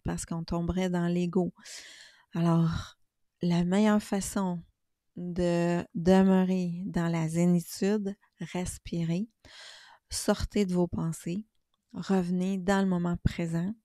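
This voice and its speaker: A middle-aged woman with a Québécois accent, talking calmly and soothingly in a casual spiritual vlog about inner peace and tarot. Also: lowish voice, no room sound, clean studio sound. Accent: Québécois French. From Quebec. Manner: calm, soothing, gently reflective. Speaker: spiritual YouTuber and tarot reader.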